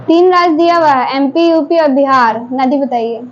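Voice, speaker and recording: A woman teacher quizzes her classroom, briskly pushing students to answer in turn. Her voice sits high. The recording is dull and lo-fi, with faint noise under it. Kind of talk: classroom quiz drill.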